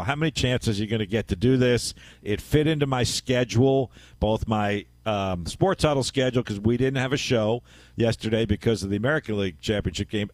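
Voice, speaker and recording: A man's voice: on the low side, no room sound. A man hosting a sports radio show, telling a story in a chatty, rambling way and laughing at himself. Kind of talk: casual radio chat.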